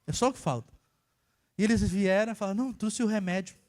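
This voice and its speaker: A young man from preaching a casual sermon, telling a personal story and swinging between hushed and emphatic delivery. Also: high voice, fast. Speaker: church worker preaching.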